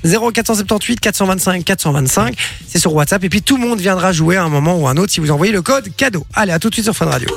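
A man, hosting a radio show with quick, joking banter. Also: high voice, expressive, gravelly. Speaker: radio host.

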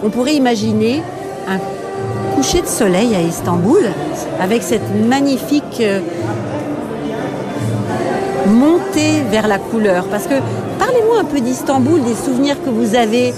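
A woman's voice: fairly high pitch, expressive, unhurried, pauses often, over loud music. Fluent woman radio host over crowd noise. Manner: fluent, leading questions. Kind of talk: radio interview.

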